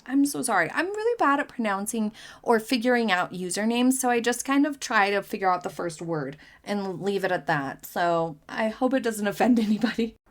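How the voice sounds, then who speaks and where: A woman hosting a casual commentary vlog, reading out viewer comments and giving her opinions in a chatty way, with frequent hedges and fillers. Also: mid-range voice. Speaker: commentary channel host.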